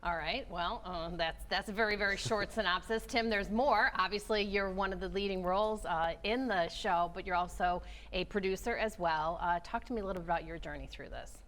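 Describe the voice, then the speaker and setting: American lady tv host, upbeat lifestyle show chat, medium pitch. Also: a little fast, hardly any pauses, a bit bright. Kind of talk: upbeat lifestyle TV interview and presenting.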